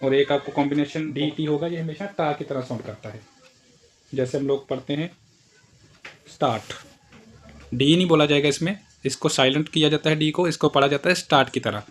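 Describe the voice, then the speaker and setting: A man's voice: fairly high pitch, steady tone, a little fast, slight background noise. A man teaching German pronunciation in Hindi, explaining letter by letter and repeating each example word several times. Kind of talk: language lesson explaining pronunciation.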